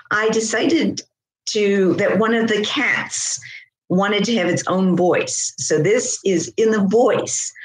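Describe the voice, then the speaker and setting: A woman from the United States reading her poems at a festival, measured, with ums in her asides. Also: on the low side. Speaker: poet. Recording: roomy echo.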